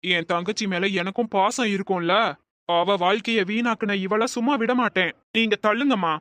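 A woman's voice: medium pitch, normal speed, fairly bright tone, dry recording, lightly acted. A woman voicing a young husband in a cartoon, firm, protective and angry.

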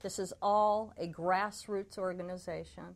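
A woman's voice: on the low side, a little slow. A woman heading an advocacy group, speaking emphatically in an interview. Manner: emphatic, animated. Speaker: head of an advocacy website.

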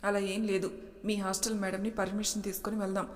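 A woman voicing a patient, gentle young wife and mother who speaks calmly and softly, with a long reverb. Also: mid-range voice, fast, natural voice.

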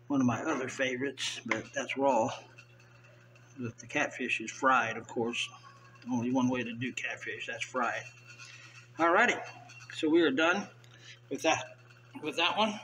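A man's voice: mid-range voice, a little hiss or hum, poor audio. Chatty older man filleting fish. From US South. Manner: relaxed, chatty, thinking aloud while filleting fish. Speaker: vlogger. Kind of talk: casual how-to narration. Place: indoor tiled kitchen counter.

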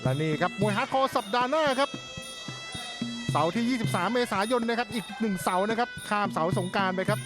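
A man's voice: high voice, quick pace. A man commentating on boxing for television, moving between fight talk and promotional reads. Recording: music behind the voice. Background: music.

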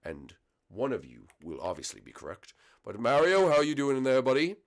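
A man's voice: medium pitch, huge pitch swings, fairly quick. A man voicing a blustery reptile king who hosts a homemade puppet comedy, talking to the camera in a mock-dramatic way. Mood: hosting. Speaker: host.

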